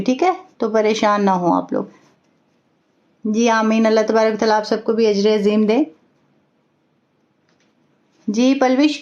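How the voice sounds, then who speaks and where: A woman teaching an online class, reciting each sound slowly and carefully. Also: fairly high pitch, a little mellow. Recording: echoey dull room audio.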